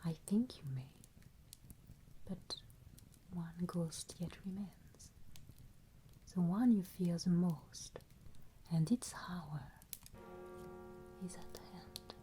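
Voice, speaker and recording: A woman playing a solemn, compassionate ghost in a whispered ASMR storybook roleplay, grave and deliberate. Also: on the low side, warm tone, a little hiss or hum, rough recording. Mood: grave, admonishing. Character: solemn, compassionate female Ghost of Christmas Present.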